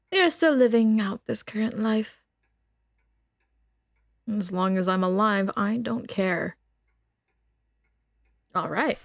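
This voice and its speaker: A young woman VTuber streams a game, chatting playfully and reading dialogue aloud with small character voices. Her voice is medium-pitched, gravelly and darkish, recorded dry.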